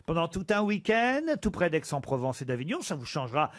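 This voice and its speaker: A man's voice: a little high, sing-song, brisk. A man hosting a radio quiz, teasing his panel and reading out prize promotions in a playful way. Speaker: radio game show host.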